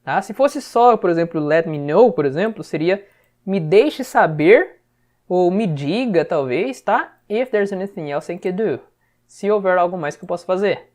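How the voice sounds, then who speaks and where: A woman with a Brazilian Portuguese accent giving a casual English lesson, chatty and often checking understanding with a quick question. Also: lowish voice, expressive, a little mellow. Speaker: English teacher.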